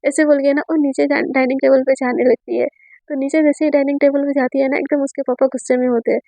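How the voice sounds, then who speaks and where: High-voiced woman telling a story casually. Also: level tone, quick pace, vocal fry, mellow, dry recording. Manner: chatty, many fillers and repeated words. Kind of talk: casual spoken retelling of a romance story.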